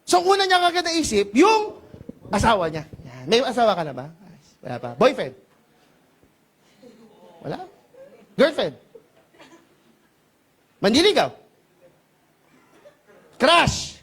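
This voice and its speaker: A man with a high, bouncy voice presents a business seminar to a live audience in an event room. His pitch swoops up and down as he jokes and teases the crowd. He keeps throwing questions out and pushing for answers. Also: huge pitch swings, slow, long pauses, a bit bright, breathy edge. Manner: playful and teasing, calls out to the audience for answers.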